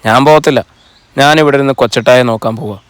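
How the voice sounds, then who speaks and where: A man's voice: mid-range voice, fast, smooth, dry recording, natural voice. A man reading a chatty childlike girl. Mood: eager. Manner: eager, telling things with importance. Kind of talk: audiobook character reading.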